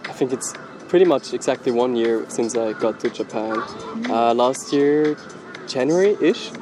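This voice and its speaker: A man's voice: mid-range voice, lively intonation, a little slow, music in the background. A young man from Switzerland, a model, chatting casually in a street interview with many "like" fillers. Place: outdoor city park. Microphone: handheld camera.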